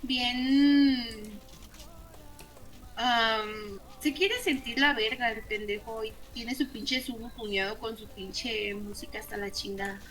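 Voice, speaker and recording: A woman's voice: fairly high pitch, slow, rough recording. A young woman with a Mexican accent, chatting casually while gaming and telling stories with lots of profanity. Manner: profane, laughing, animated storytelling. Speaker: gamer. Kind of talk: casual gaming chat with storytelling.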